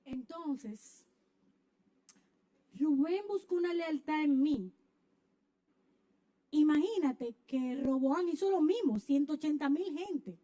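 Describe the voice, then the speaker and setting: A woman preaching a sermon, telling a personal story with lively acted-out scenes and sudden shouts. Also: sits high, slow pace, pauses often. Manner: animated storyteller, acts out scenes, bursts into shouts. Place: church.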